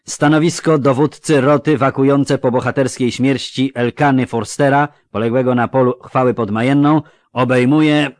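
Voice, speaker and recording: A male audiobook narrator voicing a loud, commanding, coarse male dwarf officer in a storybook reading. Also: medium pitch, very animated, normal speed, no room sound, pitched above the performer's own voice, lightly acted. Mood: booming.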